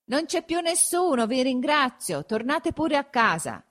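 A woman's voice: high voice, very animated, measured pace, fairly bright tone, pitched above the performer's own voice, full character voice. A woman reading aloud, voicing a timid, fretful old village priest who anxiously placates a crowd. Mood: nervous placating.

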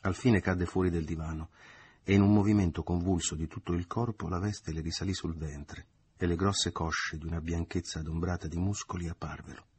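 A man narrating a literary novel as an audiobook in a measured, expressive reading. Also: low voice, husky.

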